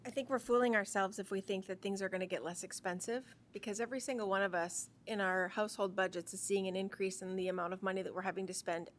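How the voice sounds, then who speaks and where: Female candidate, mid-pitched, confident and direct, faint hiss behind. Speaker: mayoral candidate. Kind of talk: debate answer.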